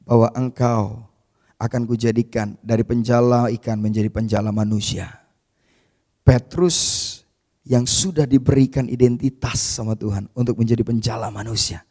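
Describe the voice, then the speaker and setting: This preacher's voice sits in the mid-range, warm and fairly even in intonation, moving at a moderate pace with long pauses. Speaking informally and conversationally, he calls the congregation "saudara" (brother), tosses in casual asides, and voices the people in the scripture story as he retells it.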